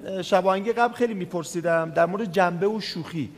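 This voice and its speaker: A man's voice: high voice, a little hiss or hum. A man hosting a talk show, asking probing, playful questions in casual conversation. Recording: roomy hall with faint music.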